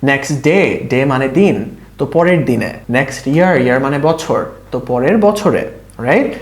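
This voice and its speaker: A man's voice: fairly high pitch, expressive, moderate pace, reverberant. A man teaching English grammar to learners, explaining step by step and asking questions he then answers himself. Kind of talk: spoken language lesson.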